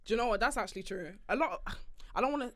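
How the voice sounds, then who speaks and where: A high-pitched woman with a London roadman accent hosts a casual chat. She banters in street slang, her pitch moving around a lot, and she is recorded dry and close. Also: expressive, racing, no echo. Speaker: host.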